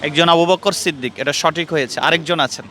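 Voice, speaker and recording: A man's voice: fairly high pitch, brisk, pushed and bright. A man hosting a street quiz interview outdoors, earnestly questioning passers-by and lecturing them. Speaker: street interviewer and channel host. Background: traffic and street noise.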